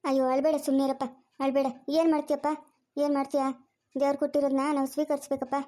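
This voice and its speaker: Cartoon aunt, woman voices, consoling, very high-pitched. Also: monotone, rapid-fire, natural voice. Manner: consoling, scolding gently. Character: soothing older village woman, the child's aunt. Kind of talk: cartoon voice acting.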